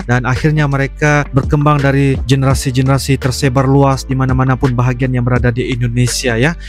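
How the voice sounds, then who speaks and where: A man giving wordy, repetitive, casual reaction commentary as a video host. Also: mid-range voice. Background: music.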